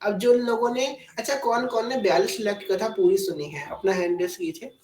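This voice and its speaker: Woman speaker at a devotional gathering: recites verses slowly, explains them in plain talk and questions the audience; mid pitch, echoey room. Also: a little mellow, distant mic. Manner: addresses listeners directly with questions. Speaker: spiritual discourse speaker. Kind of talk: devotional discourse to a live gathering.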